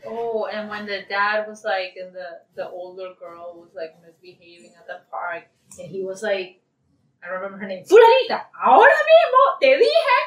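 Sex: woman. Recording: roomy, far from mic. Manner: animated. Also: fairly low pitch, normal speed. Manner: animated storytelling. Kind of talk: casual chat.

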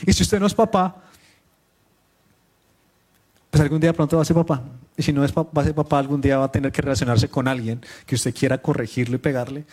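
A man's voice: medium pitch, steady tone, fast, pauses often, a little mellow. A young father preaching a live sermon to a congregation, speaking conversationally, questioning the people in the room directly and joking with them now and then. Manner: teasing asides with the audience.

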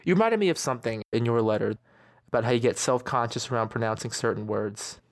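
A young American man in his early twenties recording a reflective, casual audio letter, pausing often as he thinks. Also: mid-range voice, dry recording. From New York, United States. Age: early 20s. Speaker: university student exchanging audio letters. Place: dorm room.

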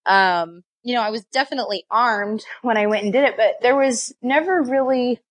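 With a fairly high voice at normal speed, this young woman shares casual stories about her past as a podcast guest, laughing frequently and reenacting what she used to tell herself. Her upbringing spanned many countries, including Scotland and Nevada.

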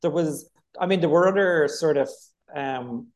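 Relaxed Dublin man, rambling. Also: fairly high pitch, unhurried. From Ireland. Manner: rambling, relaxed, many fillers. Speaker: film director. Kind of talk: casual interview chat.

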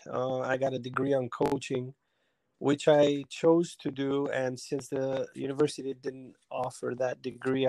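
A man in his forties from Albania, a soccer technical director, telling his story in a relaxed interview with plenty of ums and restarts. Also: mid-range voice, dry recording, poor audio. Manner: hesitant, many ums and restarts. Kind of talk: casual interview talk.

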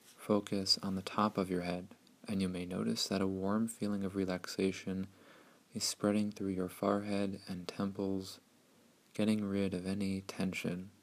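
A man narrating a scripted guided meditation in a soothing, hushed, unhurried way with long pauses. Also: low-pitched, flat delivery.

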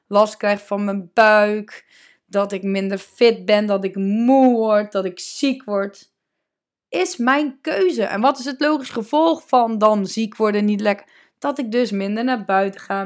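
A woman coach hosting a solo podcast, talking casually and emphatically, slowing down to stress her points and dropping in English words. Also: mid-range voice.

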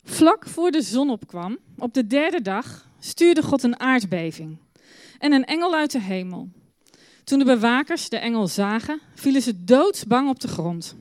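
A woman telling a Bible story to children in church, with a lively, expressive storytelling manner. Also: fairly high pitch, unhurried, no room sound.

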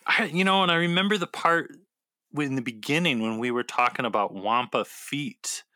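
A man's voice: medium pitch, moderate pace, sharp tone, no echo, studio quality. A man hosting a podcast in casual, playful chat, repeating phrases with mock seriousness. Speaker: podcast host.

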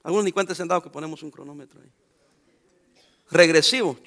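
A man's voice: a little high, quick pace, vocal fry, a bit bright. An older man with a Mexican Spanish accent, a pastor preaching a sermon and throwing rhetorical questions at his congregation.

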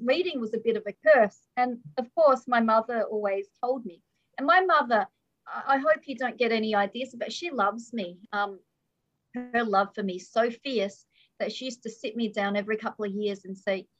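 A woman's voice: a little high, normal speed. A middle-aged woman, an author, telling candid stories about her childhood, laughing often and acting out voices in her anecdotes. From Australia. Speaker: author guest. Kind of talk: candid conversational storytelling. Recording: dull lo-fi audio.

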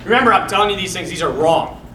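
Fast and lively in intonation, a man with a high voice preaches casually about parenting as a priest, rambling through stories and giving each quoted person a voice. Background noise and the echo of a hall come through a distant microphone.

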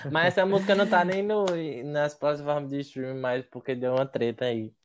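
A man's voice: a little high, steady tone, moderate pace. Homem brasileiro espalhafatoso, jeito de drag queen. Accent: Brazilian. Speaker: podcast co-host. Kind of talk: casual comedic banter.

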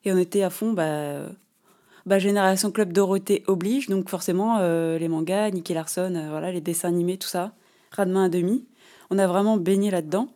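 Woman in her 30s, podcast host, mellow tone, casual and lively solo storytelling, filler-heavy. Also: on the low side, brisk. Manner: animated, slangy storytelling with frequent fillers.

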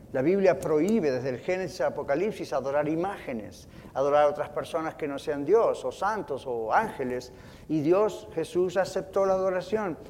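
A man preaching a sermon from the pulpit, earnest, slowing down and softening when he quotes scripture. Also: on the high side, long reverb tail, a little hiss or hum. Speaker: pastor. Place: church sanctuary.

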